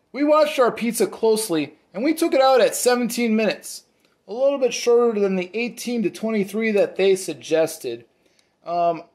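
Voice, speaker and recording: A man's voice: high-pitched, darkish tone. Easygoing man hosting a home pizza review. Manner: easygoing, talks to his son, many ums and likes. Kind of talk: casual food review chat. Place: home dining table, indoors. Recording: roomy home echo.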